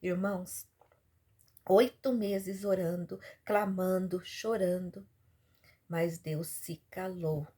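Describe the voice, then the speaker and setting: A woman's voice: fairly even intonation, slow pace. A woman preaching a sermon, telling a story with big emotional swings. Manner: emotional storytelling, sudden swings in pitch and loudness.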